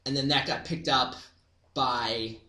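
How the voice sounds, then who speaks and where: A man's voice: mid-range voice, fairly even intonation, slow pace, bright, forceful tone. A man, a comedian guest, rambling in casual interview chat with lots of filler words. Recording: roomy echo.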